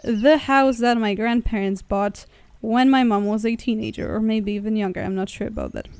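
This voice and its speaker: A woman's voice: fairly high pitch, sing-song, moderate pace, gravelly, darkish tone, clean tone. Chatty young woman vlogging from a car. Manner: chatty, rambling, self-correcting. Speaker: travel vlogger. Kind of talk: casual vlog narration. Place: inside a car driving through woods.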